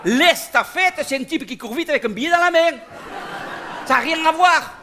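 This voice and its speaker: A man's voice: extremely high pitch, fairly quick, sharp tone, slight background noise. A man playing a comic stage dialogue in a theatre, blustering and grumbling at his partner. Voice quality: strong southern French accent, blustering. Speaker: comic actor. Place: theatre stage before a live audience.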